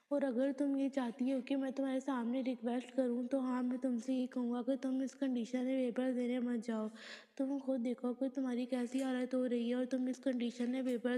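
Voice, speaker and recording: A woman retelling the plot of a TV drama episode scene by scene, reading the characters' lines in a plain recounting way. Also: high-pitched. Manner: plain recounting with quoted lines read flatly. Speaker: drama episode recap narrator. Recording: long hall reverb.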